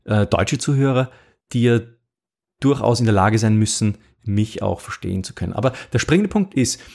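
A middle-aged man from Upper Austria, speaking with an Austrian accent, hosts a podcast in a casual, chatty style packed with fillers, restarts, and rhetorical "ja?". His medium-pitched voice is creaky with a darkish tone.

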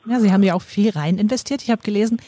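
Woman doing interview questions, medium pitch, dry studio-like sound with no room. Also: rapid-fire, warm tone, no echo.

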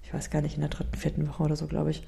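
Here the young woman co-hosting the podcast sounds low, gravelly and mellow, with a totally flat delivery at rapid-fire speed. Her casual chat about early motherhood is packed with fillers and tag questions.

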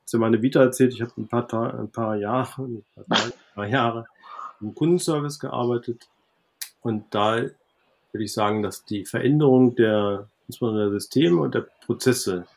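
A man talking as a podcast guest in a relaxed interview, thinking aloud with many fillers and restarts. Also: mid-range voice, moderate pace, vocal fry, slight background noise. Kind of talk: conversational interview.

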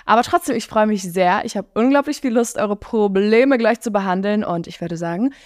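A nineteen-year-old woman hosting her podcast, chatting in an excitable, bubbly way and mixing in English slang. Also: medium pitch, brisk, dry recording, studio quality. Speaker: podcast host. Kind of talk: casual chat.

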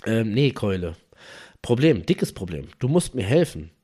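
A man's voice: on the low side, very animated, a little slow, mellow, breathy edge, full character voice. A man voicing his flustered male fishing friend, pleading for help over the phone in a story.

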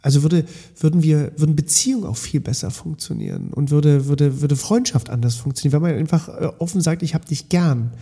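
A man's voice: a little high, very animated, brisk, vocal fry, few pauses, dark tone, husky. A man co-hosting a casual podcast conversation, reflective and explaining through everyday examples. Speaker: podcast co-host.

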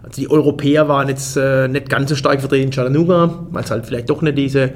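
A German race organizer in his forties answers interview questions casually, in a steady, medium-pitched voice. He talks fast, often restarting his sentences and repeating words.

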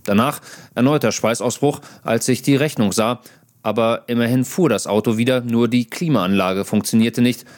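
A man's voice: medium pitch, moderate pace. A man in his thirties narrates his own video diary as a foreign correspondent. His humor is dry and self-mocking, with wry asides.

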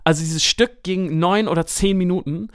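A man's voice: high voice, moderate pace, smooth, dry recording, clean studio sound. A man co-hosting a podcast in casual chat, rambling a little, often repeating himself and agreeing with his co-host.

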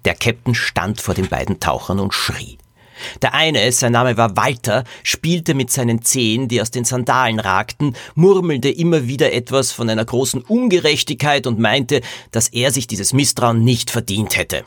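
A man hosting a podcast, reading a children's mystery aloud and addressing his listeners in a lively storytelling manner. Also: medium pitch, moderate pace, no room sound, clean studio sound.

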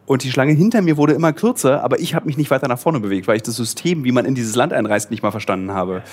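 A man's voice: medium pitch, quick pace. A man hosting an interview podcast from a small office, chatting casually with wry, self-deprecating asides. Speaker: podcast host and journalist.

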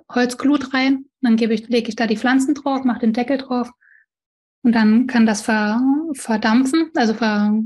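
A woman's voice: on the high side, darkish tone. A middle-aged woman from East Germany, a smoke-cleansing practitioner, explaining in casual chat and correcting herself often as she shows her tools. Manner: demonstrates objects while talking, frequent self-corrections.

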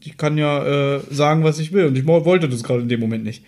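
Guy telling his side of a story, a bit high-pitched, defensive, keeps arguing. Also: fast, a little mellow. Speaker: podcast co-host. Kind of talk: casual chat.

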